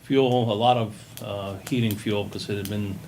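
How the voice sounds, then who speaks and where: A man with a slightly low voice gives casual answers as a staff member in a meeting room. He is picked up at a distance, with faint noise around him. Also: steady tone, normal speed, a little mellow. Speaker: town staff member answering board questions. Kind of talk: casual explanation.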